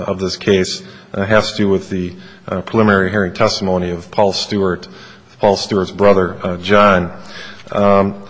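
A man giving a formal oral argument as an attorney, hesitant and halting, with very frequent ums and uhs. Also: fairly low pitch. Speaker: attorney arguing an appeal. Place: large courtroom. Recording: reverberant courtroom.

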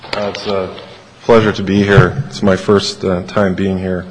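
A man giving a formal oral argument as an attorney, hesitant and halting, with very frequent ums and uhs. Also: sits low, level tone, a little hiss or hum. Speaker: attorney arguing an appeal. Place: large courtroom. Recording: reverberant courtroom.

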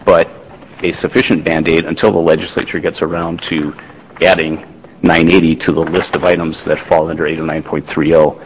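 A man, a lawyer, making a formal oral argument before a court, measured, with restarts and fillers. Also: extremely low pitch, level tone, long reverb tail, slight background noise, rough recording. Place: large courtroom.

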